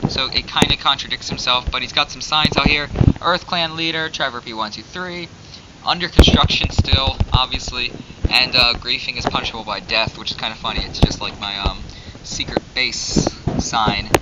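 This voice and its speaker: A man's voice: medium pitch, normal speed. A man casually narrating his own Minecraft gameplay, chatty and rambling, getting exasperated with a glitchy in-game dog. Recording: dull lo-fi mic with loud noise.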